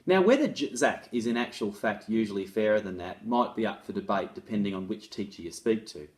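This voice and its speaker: His voice is fairly low, with lively intonation and a fairly quick pace. He's an author and presenter on restorative practices in schools, reading a case study aloud and explaining it conversationally and instructively.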